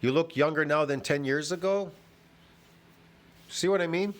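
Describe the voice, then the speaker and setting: A reaction-video host with a voice on the higher side talks at a moderate pace. He wanders through casual commentary on a clip, circling back to the same points, mocking it, and peppering in "get it?" and "bro."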